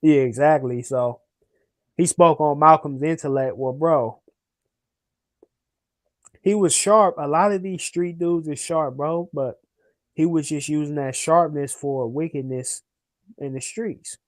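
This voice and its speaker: A young man with a fairly high voice speaks unhurriedly and pauses often, in a low-quality recording without echo. In a casual discussion he is earnest and preachy, rambling a bit and using lots of slang.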